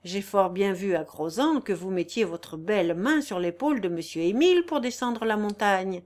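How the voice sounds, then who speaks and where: A woman's voice: medium pitch, animated, moderate pace, darkish tone, voice pushed down, close to an everyday voice. A woman reading aloud, voicing a pushy, slightly tipsy young male clerk who talks in a wheedling, overfamiliar way.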